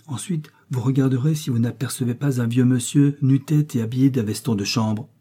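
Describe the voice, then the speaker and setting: A man's voice: medium pitch, fairly quick, warm tone, slightly rough, natural voice. A man voicing Minnie, a fretful older wife. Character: anxious elderly woman, scientist's wife.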